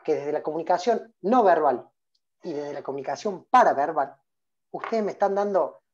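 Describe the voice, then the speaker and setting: A Rioplatense man coaches public speaking over a video call, running an interactive workshop where he calls on listeners by name and asks plenty of questions. His voice is expressive and on the high side, darkish, at a moderate pace, with the highs cut off.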